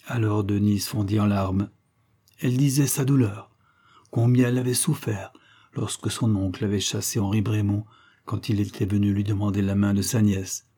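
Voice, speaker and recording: A man narrating a detective story in a measured, dramatic reading. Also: lowish voice, fairly even intonation, mellow. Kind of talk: audiobook narration.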